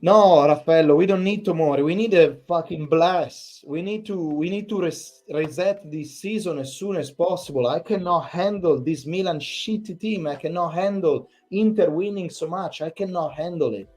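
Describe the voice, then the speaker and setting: A man vents after a bad match, his voice sitting slightly high. He repeats himself and swears, sounding thoroughly fed up. Faint music plays underneath. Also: moderate pace, few pauses, a little mellow. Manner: exasperated, repetitive, swearing. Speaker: fan channel host. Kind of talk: angry post-match reaction rant.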